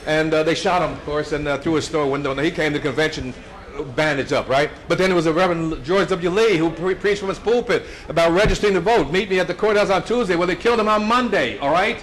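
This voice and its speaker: A man's voice: fairly high pitch, quick pace, fairly bright tone. A man in his seventies giving a storytelling speech at a brunch event, anecdotal and chuckling, with many restarts. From United States. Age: 70s.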